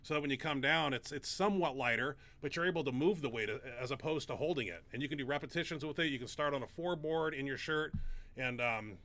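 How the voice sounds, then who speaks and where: A middle-aged powerlifter who hosts a show chats casually in a Q&A, rambling with many fillers and restarts. His voice sits on the high side, a bit bright, and his nose sounds stuffed up.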